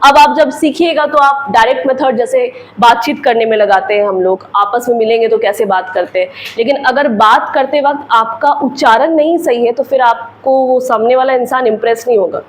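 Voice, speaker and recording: High-voiced Indian woman teaching grammar. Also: normal speed, low-quality recording. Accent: Indian English. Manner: explains patiently with repeated phrases and examples. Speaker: English teacher. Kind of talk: classroom lecture.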